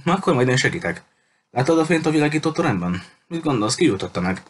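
A man's voice: medium pitch, sing-song, slight background noise, pitched above the performer's own voice, lightly acted. A man reading a cruel pirate captain in an audiobook, threatening and mocking in a coldly polite way. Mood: menacing. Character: cruel menacing male pirate captain, adult.

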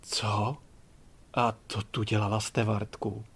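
A man's voice: medium pitch, natural voice. A man reading as a touchy, proud passenger. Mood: indignant. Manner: offended, indignant.

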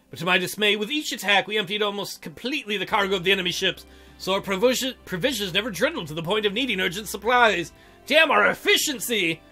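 High and sharp-toned, this man's voice carries a let's play where he reads a visual novel aloud. His commentary is jokey and theatrical, and he keeps slipping into silly mock voices over the game music.

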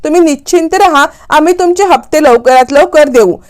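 A woman voices a worried housewife facing debt collectors. She answers firmly and reassuringly in a high voice. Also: fairly quick, a little mellow, natural voice. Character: worried but firm housewife.

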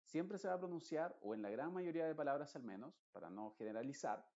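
Male teacher, patient explainer, mellow voice, muffled lo-fi recording. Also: a little high, animated, fairly quick. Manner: explains patiently, stretches vowels, reads word lists aloud. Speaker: English pronunciation teacher. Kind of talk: recorded online lesson.

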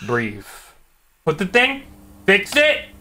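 A young man giving excitable, jumpy gameplay commentary on a horror game, yelling when scared. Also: high voice, normal speed, a little hiss or hum. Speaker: gaming YouTuber.

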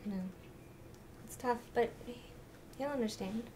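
A woman playing an ambitious young actress and girlfriend who talks in a pushy, sharp-tongued way. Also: fairly high pitch, measured pace, a little hiss or hum, natural voice.

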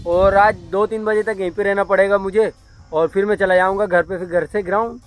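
A young man casually narrating his day into a phone held at arm's length, his voice sitting a little high for a man. Faint music plays under his talk. He is recording outdoors, among fields and streets. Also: fairly even intonation, brisk. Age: young adult. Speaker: vlogger. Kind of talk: casual daily-life vlog narration.

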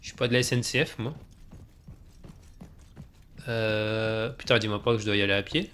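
A man's voice: on the low side, fairly even intonation, normal speed, a bit bright, slight background noise. A man casually commentating a video game he plays, joking and chatting with himself. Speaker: let's play gamer. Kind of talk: casual let's play commentary.

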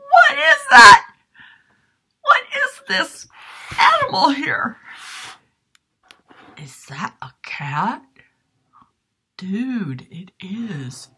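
A woman's voice: fairly low pitch, lively intonation, slow, pauses often, background noise. Give me a woman doing a playful wolf helper who howls. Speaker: music teacher's character. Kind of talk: puppet-style music lesson.

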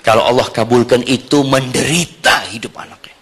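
A man preaching a sermon to a congregation, putting questions to his listeners and switching between brisk talk and slow, drawn-out emphasis. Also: medium pitch, fairly bright tone, slightly rough. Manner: engages the audience with questions. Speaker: Islamic preacher.

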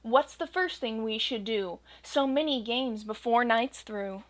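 Reading a rhyming picture book aloud, a young woman with a slightly high voice takes an unhurried, gentle and expressive storytelling cadence that follows the verse's bouncy rhythm. She sits close to the camera in a small home room with bookshelves and a green screen.

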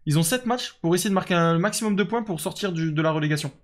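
Quick-talking young man streaming a game. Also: sits high. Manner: chatty, reads and answers chat, lots of fillers. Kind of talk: casual live game commentary.

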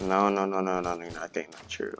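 Young dude rambling thru his gameplay, deep fry in his voice, jokey and jumpy. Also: quick pace, slight background noise. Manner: excitable, rambling, playfully self-mocking. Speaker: gamer. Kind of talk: live gameplay commentary.

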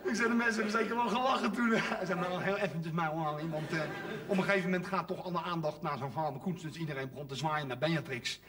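A man's voice: fairly high pitch, fast, recorded from a distance, a loud crowd. A man telling a comic story on stage, doing the voices of the characters as he goes. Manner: animated, voices characters, frequent audience laughter. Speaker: cabaret performer telling a story. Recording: live stage recording from afar, audience audible.

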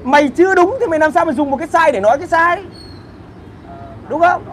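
A man's voice: very high-pitched, fast talker, fairly bright tone. A man, hosting a casual livestream where he rants crudely and combatively while answering comments.

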